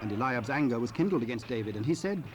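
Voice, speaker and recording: A man narrating scripture in a formal, solemn and measured way. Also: medium pitch, lively intonation. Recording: faintly noisy cassette rip.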